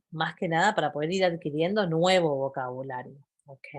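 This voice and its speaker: A woman teaching English vocabulary, patiently repeating phrases and checking in with her students. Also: sits low. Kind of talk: explaining vocabulary to a class.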